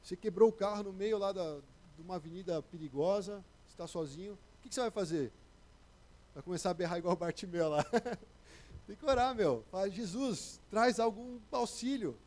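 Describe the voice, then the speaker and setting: A man's voice: sits high, a little fast, dark tone. A young man preaching a casual, conversational sermon into a microphone, slangy and acting out the voices he quotes.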